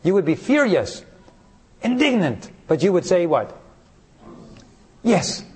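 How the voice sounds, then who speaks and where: A man with a fairly high voice delivers a sermon. He leans on rhetorical questions to the listeners and slips into short acted voices for the people in his stories. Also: very animated, normal speed, darkish tone, slightly rough. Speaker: preacher.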